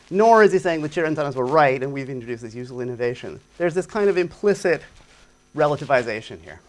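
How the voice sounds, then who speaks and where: A middle-aged man with a fairly high-pitched voice gives an academic lecture in a lecture hall and answers questions, thinking aloud with fillers. He speaks into a lapel mic at a lectern.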